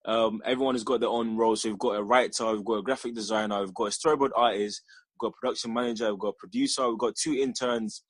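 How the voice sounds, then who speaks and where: Young guy from ghana, bit husky, dry close sound, rambly interview chat. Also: fairly low pitch, steady tone, quick pace, dry recording. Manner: rambling, restarts often, laughs easily. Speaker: filmmaker guest.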